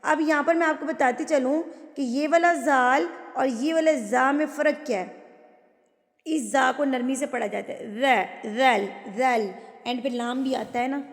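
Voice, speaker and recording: In a large hall, a woman with a high-pitched voice teaches Quran recitation in a tajweed lesson. She patiently explains pronunciation step by step, mixing English words into her speech.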